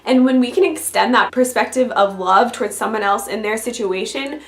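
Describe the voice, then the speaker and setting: Raspy, sick woman vlogger in echoey room. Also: fairly high pitch, normal speed. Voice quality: raspy from illness. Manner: direct, conversational address to the listener. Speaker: video blogger. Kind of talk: scripted-feeling encouraging faith vlog talk to camera. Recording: roomy, echoey sound.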